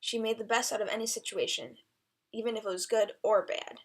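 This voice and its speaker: Woman, fairly high voice, prepared eulogy speech, earnest, deliberate delivery, occasional stumbles. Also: fairly even intonation, breathy edge. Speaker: eulogy speaker, friend of the deceased.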